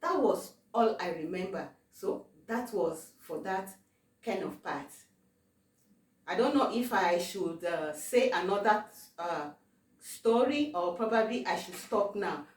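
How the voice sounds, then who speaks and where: A woman from Africa telling a personal testimony, halting, with many fillers and repeated words. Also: mid-range voice. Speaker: testimony vlogger. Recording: roomy, distant from the mic.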